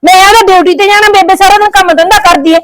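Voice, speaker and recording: A woman playing a sharp-tongued young wife. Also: very high-pitched, steady tone, quick pace. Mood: indignant, scolding. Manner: scolding, indignant retorts. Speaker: daughter-in-law.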